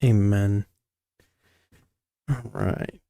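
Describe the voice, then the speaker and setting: A man's voice: lowish voice, steady tone, very slow, vocal fry, mellow, dry recording, studio quality. A man hosting a live stream, chatting casually and greeting viewers by name, on livestream headset audio. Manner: easygoing, greets chat by name.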